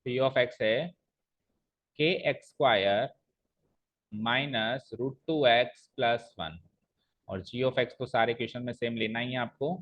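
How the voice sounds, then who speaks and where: Male maths teacher talking his class through the steps, medium pitch, kinda muffled lo-fi sound. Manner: explains step by step, asks the class questions; reads expressions aloud slowly, stressing the pauses.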